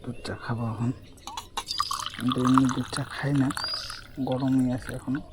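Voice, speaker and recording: A man's voice: mid-range voice, little pitch movement, moderate pace, very noisy. A man fishing by a river, chatting casually to the camera as he shows each catch. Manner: chatty, shows off each catch, asks "ঠিক আছে?" often. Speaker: fishing vlogger. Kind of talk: casual outdoor vlog narration. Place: outdoors by a river among rice fields.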